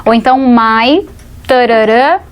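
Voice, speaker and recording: A Brazilian woman teaching an English lesson on TV, slowing down to model English words carefully. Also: on the high side, clean tone. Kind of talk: TV English lesson for Portuguese speakers.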